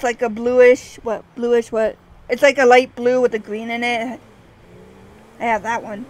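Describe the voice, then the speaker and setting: A woman's voice: a little high, poor audio. A woman in her twenties chatting and rambling casually while commentating her gameplay. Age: 20s. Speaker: let's player.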